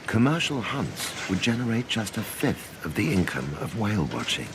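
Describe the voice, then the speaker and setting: A man's voice: on the low side, sing-song, normal speed, noisy background. A man reading scripted narration for a nature documentary. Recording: music bed behind voice. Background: background music.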